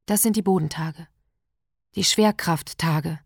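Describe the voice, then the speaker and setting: A woman with a lowish voice reads a literary piece in a quiet, measured, intimate manner. The sound is close and dry, with no room around it. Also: breathy edge, no room sound. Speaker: narrator. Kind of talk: literary reading.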